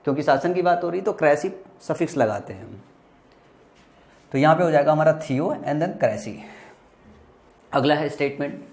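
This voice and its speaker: A man with an Indian accent teaches vocabulary for exam prep in a slightly high voice. He quizzes his listeners with questions he answers himself. He breaks hard words into parts and spells them out slowly, letter by letter. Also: animated, a little mellow.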